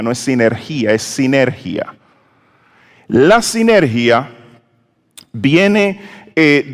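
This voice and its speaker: A man's voice: a little high, clean tone. A man preaching a sermon in a church, leading the congregation in call-and-response and asking them questions. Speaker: pastor. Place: church sanctuary. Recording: church hall with long reverb.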